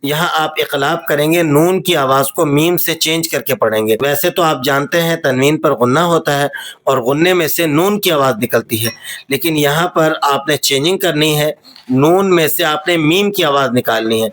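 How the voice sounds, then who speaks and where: A man teaching Quran recitation, with a Pakistani Urdu accent, explaining the rules quickly and then reciting verses slowly and melodically. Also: fairly high pitch, a bit bright. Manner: switches between quick explanation and slow, drawn-out melodic recitation. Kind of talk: tajweed lesson, explaining and reciting.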